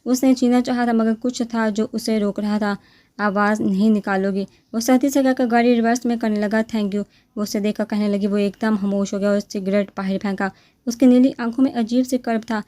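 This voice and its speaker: A woman narrating a romance novel aloud, reading in an even, unhurried manner. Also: a little high.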